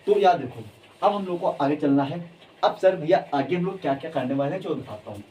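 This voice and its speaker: A high-pitched man teaches chemistry with lively energy, repeatedly drilling key terms and coaxing his students along in an energetic classroom lecture. He talks fairly quickly and sits a little away from the mic, with faint room ambience behind him. The low-quality recording carries slight background noise.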